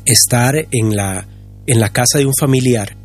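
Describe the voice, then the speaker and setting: A man's voice: mid-range voice, darkish tone. A man, a pastor sharing his story earnestly, often stopping to restart his sentences. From Costa Rica. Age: 50s. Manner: earnest, halting with many restarts. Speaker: pastor and guest. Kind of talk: candid testimony on a podcast.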